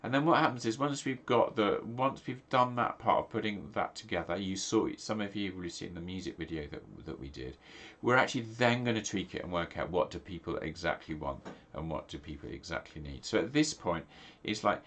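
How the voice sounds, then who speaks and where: This low-voiced middle-aged man from England, a pastor, speaks animatedly and a little fast, with few pauses and a slightly bright tone. It's a casual video talk to camera, delivered in a nasal, congested voice full of fillers, ums and false starts.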